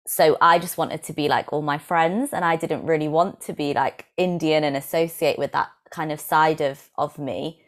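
Woman, from England, low voice, yoga teacher, calm, explanatory, interview guest. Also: normal speed. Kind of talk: podcast interview.

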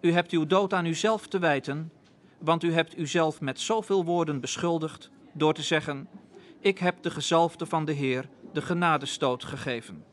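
A man's voice: a little high, moderate pace, lightly acted. A man voicing a stern male king who questions and gives commands.

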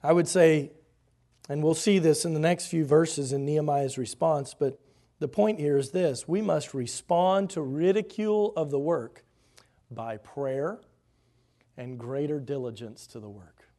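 A man preaching a sermon, animated, slipping into mocking voices when he quotes the scoffers. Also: on the high side, measured pace.

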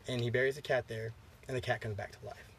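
Stuffy sounding podcast dude, cursing and rambling through a story, bit of hiss. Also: male voice, mid-range voice, little pitch movement, quick pace, vocal fry. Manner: rambling, profane, lots of fillers. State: congested, clearing throat. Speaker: podcast host. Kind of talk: casual chat, storytelling.

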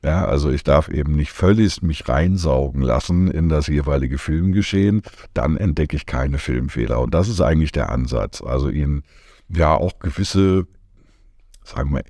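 A man's voice: a bass voice, normal speed, mellow, no echo, studio quality. A middle-aged man, a media education consultant, explaining his teaching in a podcast interview, thoughtful with many fillers. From Germany.

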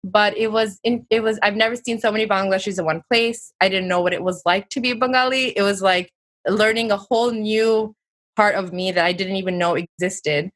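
In a casual interview, the guest, an American woman in her thirties, talks a little fast with a steady, fairly bright, medium-pitched voice. Her manner is chatty and reflective, full of fillers.

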